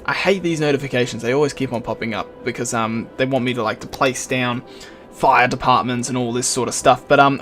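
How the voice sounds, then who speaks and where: Man narrating a city-builder let's play. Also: medium pitch. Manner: relaxed, thinking aloud while building. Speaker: gaming channel host.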